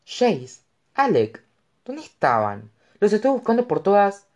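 A woman's voice: mid-range voice, sing-song, a little slow, darkish tone, highs cut off, voice pushed up. A narrator voicing a tipsy, indignant young woman who talks defensively and rambles in an audiobook. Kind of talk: audiobook character voice.

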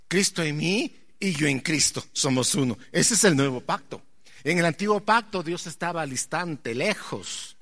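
A man preaching a sermon, impassioned and rising to near-shouts, putting questions straight to his congregation. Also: on the high side, expressive, measured pace. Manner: addresses the congregation directly with questions.

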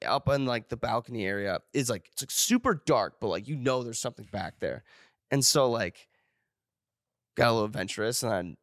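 A man's voice: medium pitch, no echo, clean studio sound. A young man co-hosting a podcast, rambling through a story with lots of filler words. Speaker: podcast co-host. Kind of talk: casual podcast chat.

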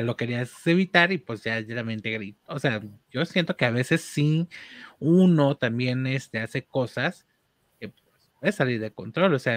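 A man's voice: mid-range voice, a bit bright, dry recording. A man on a casual podcast, rambling through hypothetical examples with many fillers. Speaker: podcast co-host.

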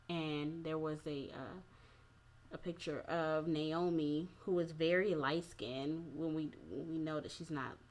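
Female host, low register, mildly tipsy, blunt and informal, opinionated conversational delivery. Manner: candid, profane, informal slangy phrasing. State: a little tipsy. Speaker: podcast host. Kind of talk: casual opinionated talk.

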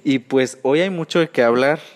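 A Mexican man co-hosts a casual podcast about pop-culture news. His delivery is sassy and campy, gossiping conversationally to listeners at a middling male pitch. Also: normal speed. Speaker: podcast host.

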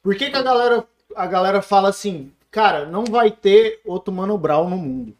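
A man, a beatmaker guest chatting in a relaxed, slangy, teasing way. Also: high voice, brisk. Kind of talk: casual chat.

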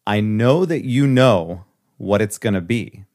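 A man's voice: on the low side, lively intonation, a little slow, darkish tone. A man hosting a casual chat, quizzing his friend on movie clips with easy jokes. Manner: jokey, runs a quiz game. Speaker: podcast host.

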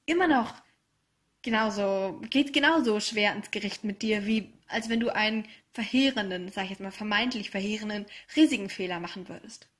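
A woman hosting a solo self-help podcast, talking in a gentle, encouraging way and laughing softly now and then. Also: medium pitch, normal speed. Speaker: podcast host.

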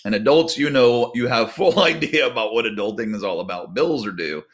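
A man, a volleyball coach giving a casual devotional talk with prayer, animated and conversational with many fillers. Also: medium pitch, a little fast. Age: 40s.

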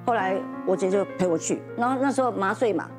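A woman in her fifties with a Taiwanese accent, telling a personal story in a lively, casual way and acting out other people's voices. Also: mid-range voice, quick pace, over music. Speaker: guest.

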